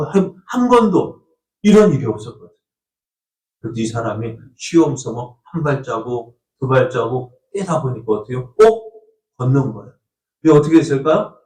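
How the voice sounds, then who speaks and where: In a church sanctuary, a male pastor with a somewhat high, slightly mellow voice preaches a storytelling sermon. He asks the congregation questions and acts out the voices of people in the story, captured by a distant mic in the echoey church.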